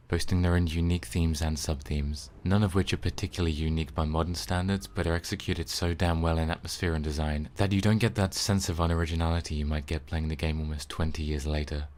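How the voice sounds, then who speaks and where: Very deep-voiced man narrating a game retrospective. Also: little pitch movement, brisk, darkish tone. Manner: informal, wry, sweary. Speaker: video game reviewer.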